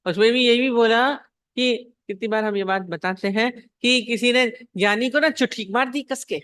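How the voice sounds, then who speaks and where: A woman's voice: fairly high pitch, normal speed, fairly bright tone, no echo, clean studio sound. A woman spiritual teacher giving a devotional discourse. She asks rhetorical questions, repeats her points and acts out short anecdotes.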